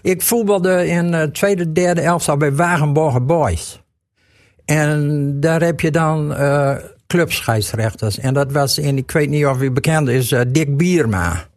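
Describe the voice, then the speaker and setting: A man's voice: on the high side, unhurried, no echo, studio quality. Stammering retired referee, chatty man. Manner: chatty, stammering, repeats words. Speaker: amateur football referee, guest. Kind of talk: casual radio chat.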